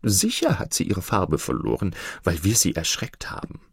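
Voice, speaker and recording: A man's voice: sits low, huge pitch swings, normal speed, gravelly, breathy edge, no echo, clean studio sound, exaggerated voice. A man voicing a fussy, pompous court steward in a storybook reading, self-important in manner.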